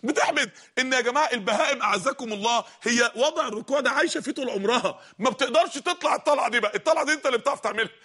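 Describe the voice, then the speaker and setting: A man preaching a fervent sermon in an Egyptian Arabic accent, exhorting his listeners and sometimes shouting. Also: very high-pitched, racing, hardly any pauses, husky. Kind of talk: impassioned sermon.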